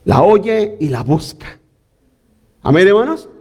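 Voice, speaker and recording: Man, very high voice, sermon, animated, addresses congregation. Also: slow pace. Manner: animated preaching with frequent audience prompts. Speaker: preacher.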